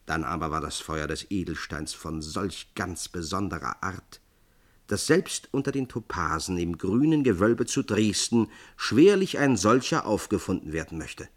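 Guy reading an old fairy tale, really low voice, calm measured storytelling. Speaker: audiobook narrator. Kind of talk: scripted narration.

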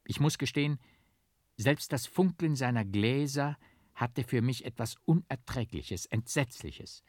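A man reading a story aloud as an audiobook, measured and dramatic. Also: medium pitch, animated, a little mellow, dry recording, studio quality. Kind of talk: audiobook narration.

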